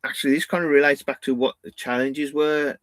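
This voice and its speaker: A man's voice: mid-range voice, steady tone, a little fast, fairly bright tone, dry recording. A man co-hosting a casual live stream about van life, rambling and laughing as he answers viewer questions. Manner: chatty, rambling, laughs often, says "bloody" and "innit". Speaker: van life channel co-host.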